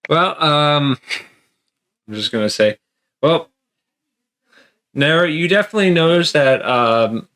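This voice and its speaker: A man's voice: on the high side, animated, a little slow, pauses often, a bit bright. A man running a tabletop game as game master, rambling with lots of fillers and frequent laughter.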